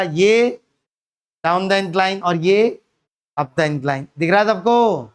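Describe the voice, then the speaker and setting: Male physics teacher with a high, smooth voice. Quizzes the class and answers his own questions. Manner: asks students questions and answers them himself, calls them beta. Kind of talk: classroom lecture.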